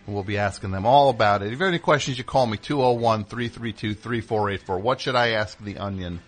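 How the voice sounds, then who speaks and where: A man hosting a live radio show, rambling in casual chat with sudden loud yelled bursts. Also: fairly low pitch, quick pace, faint music behind.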